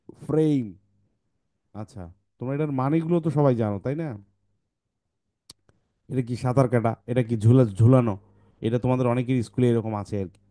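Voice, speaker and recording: A man teaching children phonics in an online class over a video call, sounding out each blend slowly and repeating it several times. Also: medium pitch, dark tone, dry recording, clean studio sound.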